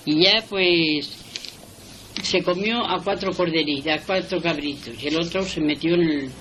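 Older lady from telling an old folk tale, plain homely talk, bright tone, bit of hiss. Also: low-pitched, a little slow, low-quality recording. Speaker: storyteller.

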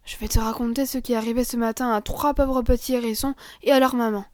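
A woman voicing a gentle little girl who talks earnestly and tenderly. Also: fairly high pitch, steady tone, fast, dry recording, studio quality, lightly acted. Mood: friendly.

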